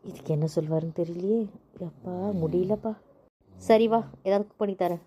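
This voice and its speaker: A cheeky young wife who talks back and sighs with exasperation , as a woman acts her. Her tone is mellow and warm. It is an amateur audio drama. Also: lowish voice, normal speed, a little hiss or hum, lightly acted.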